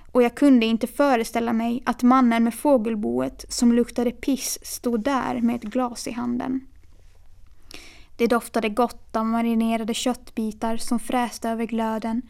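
A woman reading a children's novel aloud in a steady, quiet storytelling manner. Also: fairly high pitch, gravelly. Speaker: narrator. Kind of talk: audiobook reading.

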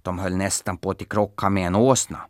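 A man narrating a children's folktale in a gentle, playful storytelling manner. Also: low-pitched, steady tone, no echo.

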